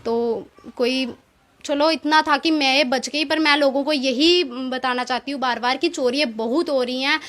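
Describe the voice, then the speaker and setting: A woman recounts events in a casual interview, acting out what each person said. Her voice sits high. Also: normal speed. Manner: animated retelling, acts out quoted exchanges. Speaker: interviewee, theft eyewitness. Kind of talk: casual spoken account.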